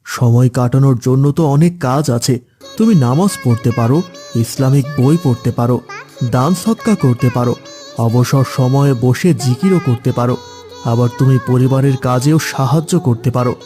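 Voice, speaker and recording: In an Islamic children's cartoon dub, a man with a mid-range voice speaks at normal speed over music, lightly acted. He first voices a stern, preachy father who lectures and admonishes, and later a gruff gambler uncle who scolds.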